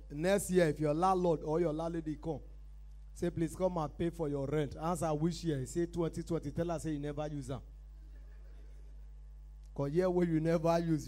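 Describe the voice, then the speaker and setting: A man with a Nigerian Pidgin accent doing a loud, chatty stand-up set on a live stage, calling out to the crowd as he tells his stories. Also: on the high side. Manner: loud, chatty storytelling with crowd call-outs. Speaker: stand-up comedian.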